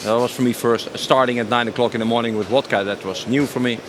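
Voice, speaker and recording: A man in his 50s with a mid-pitched voice and fairly even intonation talks at a quick pace. Interviewed at a trade show stand as a company sales director, he answers spontaneously and enthusiastically, often repeating a phrase for emphasis, with obvious exhibition-floor noise behind him.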